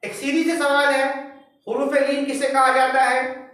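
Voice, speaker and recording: A man teaching a tajweed class, slowly spelling out letters and vowel marks one by one and reciting short examples. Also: very high-pitched, completely flat delivery, a bit bright, very echoey, far from the mic, poor audio. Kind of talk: online tajweed class explanation.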